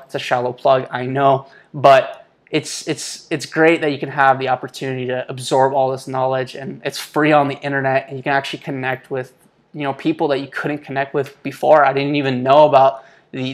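This medium-pitched man, born in Israel and in his twenties, works as an online entrepreneur, YouTuber and mentor. In a casual motivational vlog to camera, he talks informally with slang and often says "guys." He records indoors in a small home office with a lapel mic.

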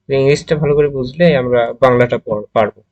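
A man's voice: medium pitch, fast talker, a little mellow, lo-fi sound. Male grammar teacher, Bangladeshi Bengali accent, video lecture, mixes in English, checks understanding often. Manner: mixes English words into explanations, often checks with "ঠিক আছে?".

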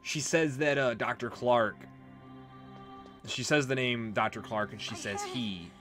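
This let's play host speaks in a mid-range voice at an unhurried pace, swearing freely through casual gameplay commentary. He gets exasperated when things go badly, and video game music plays behind him.

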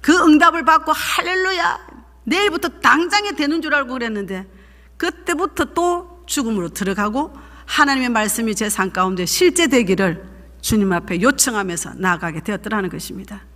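A woman's voice: a little high, expressive, a little fast, pushed and bright. A woman, a pastor's wife giving an emphatic, fervent sermon testimony. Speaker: pastor's wife leading a seminar. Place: church sanctuary. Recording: echoey church hall.

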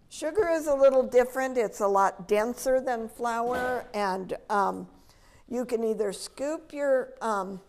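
A woman's voice: fairly high pitch, darkish tone. An older woman giving a patient, step-by-step cooking demonstration in a large demo kitchen, filmed from a distance. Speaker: extension educator.

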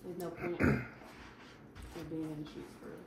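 A woman's voice: sits low, big pitch swings, normal speed. Woman chatting casually, matter-of-fact, lots of noise and echo. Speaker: guest. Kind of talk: casual chat. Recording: echoey room with loud background noise.

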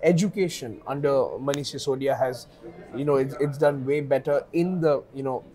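Wearing a lapel microphone for a studio news interview, this thirty-something analyst speaks carefully, padding his answers with many fillers. He has a warm, mid-range voice.

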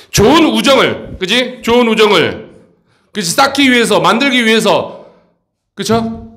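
A man teaching an English grammar lesson for school exams, talking to students and often checking that they follow. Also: high voice. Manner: lively, keeps checking in with the students. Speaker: English tutor. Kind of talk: exam-prep grammar lecture.

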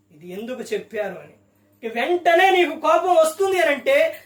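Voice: high-pitched, echoey room, distant mic. A preacher giving a sermon, firing rhetorical questions at the listener.

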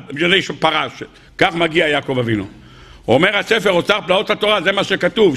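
A man's voice: on the high side, vocal fry. A man with an Israeli Hebrew accent telling stories in a sermon, acting out the people he quotes in a raised voice. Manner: acts out quoted figures in a raised voice, addresses listeners as gentlemen. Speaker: rabbi giving a weekly Torah talk. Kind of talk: animated sermon storytelling.

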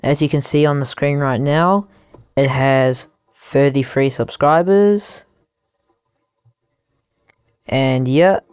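Young guy doing casual roblox-style gaming commentary on headphones as a mic, slow and halting, clear smooth voice. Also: medium pitch, a little mellow, dry recording, studio quality. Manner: halting, thinking aloud while typing. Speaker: gaming YouTuber. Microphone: headphones used as mic.

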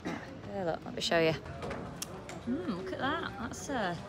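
A woman's voice: medium pitch, sing-song, measured pace. A woman musician chatting casually to camera in a tour vlog, upbeat and talking straight to her viewers. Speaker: touring musician vlogging.

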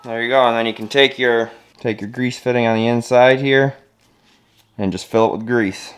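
A man in his thirties casually narrates a step-by-step trailer assembly in his home garage for a vlog. His medium-pitched voice keeps a moderate pace and fairly even intonation, and garage noise fills the recording.

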